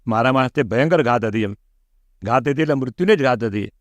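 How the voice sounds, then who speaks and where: A middle-aged man tells a personal pilgrimage story as an interview guest. He talks quickly and animatedly, and he acts out quoted lines with a raised voice. The sound is close and dry. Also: medium pitch, dry recording.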